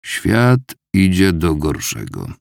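A gloomy old clerk grumbling about the world, as a narrator puts him on. The voice is low and gravelly, with a lively rise and fall. Dry and close. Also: male voice, slow pace, no echo, heavily acted. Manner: complaining, head-shaking grumble.

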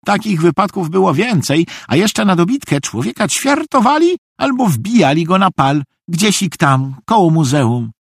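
A man's voice: high-pitched, sing-song, moderate pace, hardly any pauses, slightly rough, no room sound, studio quality, voice pushed up, heavily acted. A man voicing a cheerful, simple-minded middle-aged soldier who talks naively and earnestly. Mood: chatty. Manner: naive, earnestly obliging, rambling.

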